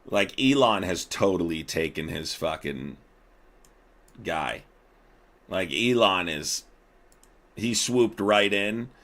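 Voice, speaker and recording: A man's voice: low voice, expressive, slow, pauses often, a bit bright. A young man hosting a live stream, riffing profanely and animatedly, laughing as he talks. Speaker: streamer host. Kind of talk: casual live-stream commentary.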